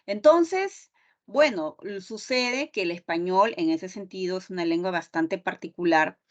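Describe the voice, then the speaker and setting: A woman teacher giving an online class, explaining step by step and often checking in with the students. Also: mid-range voice. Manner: explanatory, with frequent checking tags like ¿ya? and ¿no?. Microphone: computer mic on a video call. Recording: dull lo-fi online call audio.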